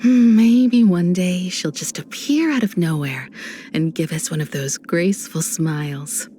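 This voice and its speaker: An actress voicing Himeko, a graceful, composed and warm space navigator in a video game, with a poised, gently reassuring manner. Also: female voice, lowish voice, unhurried, slight background noise, lightly acted. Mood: reflective, admiring. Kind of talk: polished game voice acting.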